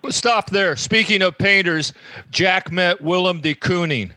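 A man's voice: sits high, a little slow, sharp tone, no echo. A man interviewing an older musician, asking questions in a friendly, admiring way.

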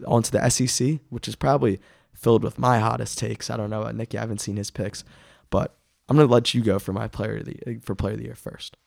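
A man hosting a casual sports preview podcast, his voice raspy as he is under the weather with a cough. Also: fairly low pitch, steady tone, fast, no room sound, clean studio sound.

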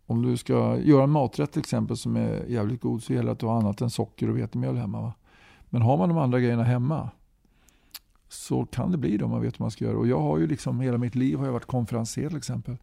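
A man's voice: medium pitch, creaky, mellow, no room sound, studio quality. A man in his sixties, a talkative interview guest who keeps tagging his sentences with a questioning "va?". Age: 60s. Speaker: guest, musician and movement leader. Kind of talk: casual conversational interview.

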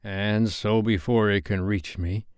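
Storybook pirate captain, male, acted by a man: brooding, vengeful, petulant, low-pitched, drawn-out menace. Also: smooth, dry recording, clean studio sound, natural voice. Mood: haunted. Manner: slow, dark, menacing delivery. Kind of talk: storybook character voice.

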